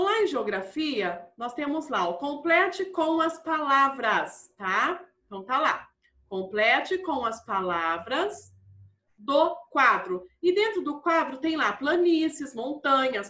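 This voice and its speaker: A woman's voice: high-pitched, sharp tone, echoey room. A woman teaching a primary school class, patiently walking through exercises and often checking in with the children. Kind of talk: classroom lesson walkthrough.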